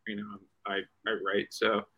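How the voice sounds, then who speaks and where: Guest, male, low pitch, bright tone, rambling, restarts a lot. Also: monotone, normal speed, rough recording. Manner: rambling, many restarts and "you know"s. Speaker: guest comic writer. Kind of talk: casual video-call interview.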